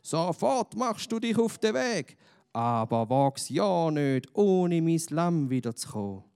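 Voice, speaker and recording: A man voicing an angry, harsh master who scolds loudly in a storybook reading. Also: a little high, very animated, slow pace, vocal fry, smooth, pitched above the performer's own voice, heavily acted. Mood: furious. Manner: scolding and shouting.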